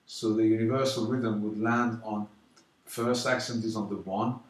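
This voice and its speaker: Brief: male drum teacher, low voice, calm explanations broken by loud slow counting, recorded from a distance with drum sounds behind him. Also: very noisy. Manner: counts beats aloud loudly and slowly between calm explanations. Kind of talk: casual drum lesson. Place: London. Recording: roomy echo, mic at a distance, drumming.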